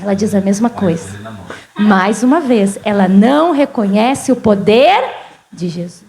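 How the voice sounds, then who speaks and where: Uma mulher pastora com sotaque gaúcho pregando num culto, em tom de conversa e com muitas perguntas à congregação. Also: female voice, mid-range voice, expressive, measured pace, a little mellow, a little hiss or hum. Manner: conversational, questions the congregation often. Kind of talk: sermon. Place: church service.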